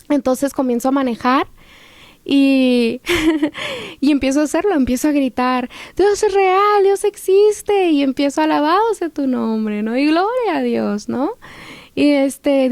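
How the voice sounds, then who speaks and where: A woman telling her personal faith testimony, emotional, exclaiming loudly at high points and laughing often. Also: dry recording. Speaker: testimony speaker.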